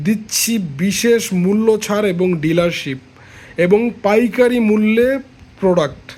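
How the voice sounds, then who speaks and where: A man from Bangladesh giving a casual sales pitch, persuasive and repetitive, pointing out products as he talks. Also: darkish tone, poor audio. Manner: persuasive, repeats points, shows products while talking. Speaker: seller pitching a pigeon feed dealership.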